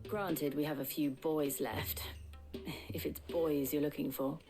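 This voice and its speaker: An earnest, guarded noblewoman in a video game, plainspoken and direct. Her voice sits lowish for a woman, with faint music in the background. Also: steady tone, unhurried.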